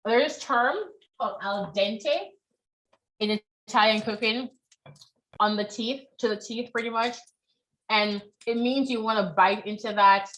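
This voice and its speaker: A woman's voice: a little high, unhurried, a bit bright, low-quality recording. A woman leading a live online cooking class, chatty and encouraging, often checking in with her students.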